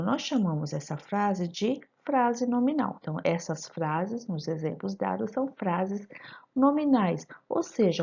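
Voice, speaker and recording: A female teacher records a grammar lesson, taking terms step by step and directing rhetorical questions at her students in a didactic way. Her mid-range voice is husky and darkish with vocal fry, and the recording is muffled.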